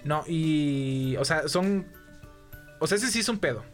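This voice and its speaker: A man's voice: on the high side, animated, measured pace, loud music behind the voice. A man with a Mexican accent chatting casually as a podcast co-host, rambling and profane with lots of fillers. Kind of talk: casual chat.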